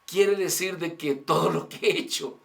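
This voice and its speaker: A man preaching a church sermon, asking rhetorical questions of his brothers in the congregation and swinging from raised lines to hushed endings. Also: on the high side, moderate pace, creaky. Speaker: pastor.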